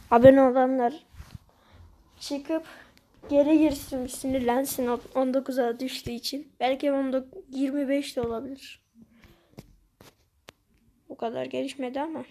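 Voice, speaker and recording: A woman with a high voice narrates her match as she plays it, chatting to her viewers. She is easily frustrated and excitable throughout. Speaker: gaming channel host. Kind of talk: gameplay commentary.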